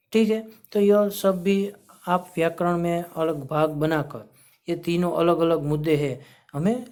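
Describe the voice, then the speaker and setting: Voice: medium pitch, darkish tone. A teacher explaining a school grammar lesson, asking the class questions, answering them, and repeating each example word. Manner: repeats example words slowly, syllable by syllable; checks in with frequent "theek hai".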